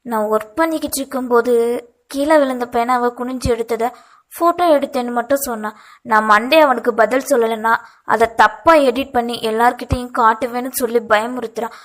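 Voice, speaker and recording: Crying young woman, hurried and shaky, read by a woman narrator. Storybook audio novel. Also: on the high side, close to an everyday voice. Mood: tearful. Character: frightened young woman, office worker, tearful.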